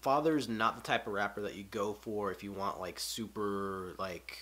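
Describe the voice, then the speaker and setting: A man's voice: fairly low pitch, fairly even intonation, normal speed, a bit bright. A young man giving a casual album review, loose and rambling with lots of filler words.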